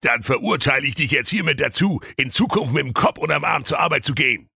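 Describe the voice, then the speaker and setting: A man's voice: fairly low pitch, fairly quick, sharp tone, no echo, studio quality. A man voicing a hot-tempered old king who blusters and scolds in a comic storybook. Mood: grumpy. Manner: blustering, irritable.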